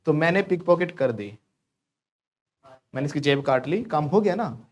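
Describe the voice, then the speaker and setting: A man's voice: fairly high pitch, expressive, normal speed. A man from India teaching spoken English to a class in Hindi, joking and pushing his students to repeat English phrases after him.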